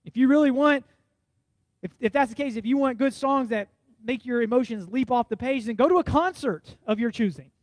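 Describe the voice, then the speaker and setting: A male pastor preaching a sermon, rising loud for emphasis and dropping soft and hushed for stories. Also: extremely high pitch, brisk, no room sound, low-quality recording.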